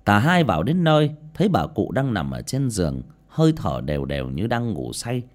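A man's voice: sing-song, normal speed. A man narrating a horror story in a dramatic, scripted way. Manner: dramatic, with sudden pitch swings. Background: faint music.

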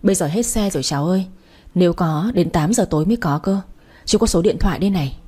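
A man's voice: sits high, quick pace, mellow, slightly rough. A woman reading the matter-of-fact lines of a helpful older man at a bus stop in a spoken story.

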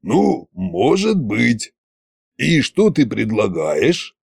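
A man's voice: medium pitch, wildly swooping pitch, very slow, creaky, breathy edge, dry recording, studio quality, heavily acted. A man voicing Koschei, a boastful, scheming old tsar-sorcerer who grumbles in folksy phrases, in an audiobook. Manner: grumbling, folksy, self-satisfied.

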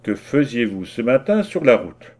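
A man's voice: medium pitch, very animated, moderate pace, a little mellow, natural voice. A man voicing a stern, pompous village mayor in a storybook reading, giving curt, indignant orders.

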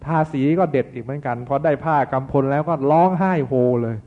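A Buddhist monk preaches a storytelling sermon in a chatty, folksy manner full of asides. His mid-pitched male voice comes through a narrow, phone-like sound. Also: brisk.

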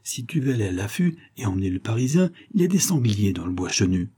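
A man's voice: lowish voice, big pitch swings, fast talker, mellow, breathy edge. A man voicing an eager, boastful young farmhand who talks in a rustic way, in a read-aloud storybook. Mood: confiding.

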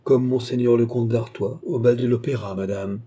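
A man's voice: medium pitch, fairly even intonation, moderate pace, warm tone, breathy edge, lightly acted. A man voicing a stiff, reluctant young officer. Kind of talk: audiobook character voice.

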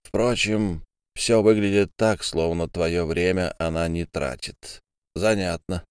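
A man reading an audiobook, voicing a calm, measured male official with a faintly mocking edge. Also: sits low, clean tone, dry recording, clean studio sound. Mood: cool. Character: cool, composed male official, quietly cutting.

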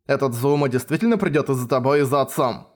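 A man's voice: medium pitch, animated, quick pace, natural voice. A man voicing a haughty, prissy young nobleman in an audiobook reading, with a sneering, affected delivery. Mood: smug.

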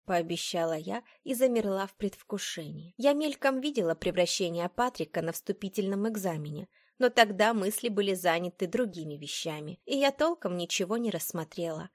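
A woman narrating a first-person fantasy audiobook in a measured, expressive storytelling manner. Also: medium pitch, no room sound, clean studio sound.

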